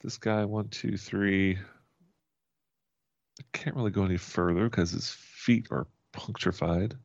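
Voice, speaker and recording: Gravelly joking man running a game. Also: on the low side, unhurried, dry recording, lo-fi sound. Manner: joking, laughs often. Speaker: game master.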